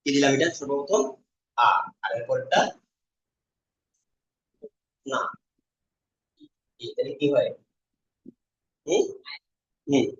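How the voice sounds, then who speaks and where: The teacher's voice here is mid-range and a bit bright. He walks the class through vowel shapes in careful steps, slowly repeating every sound and quizzing the students as he goes. The audio is a dull, lo-fi classroom recording.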